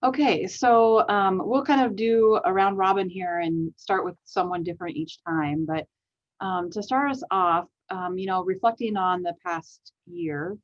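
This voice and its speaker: A woman moderating a community panel discussion in a friendly, measured way with some fillers. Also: medium pitch, lo-fi sound.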